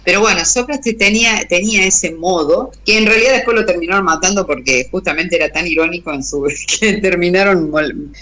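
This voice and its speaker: Bright-voiced Argentine woman explaining on radio. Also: fairly low pitch, a little fast. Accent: Argentine Spanish. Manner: thoughtful, frequent hesitations and restarts. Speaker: radio guest speaker. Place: radio studio.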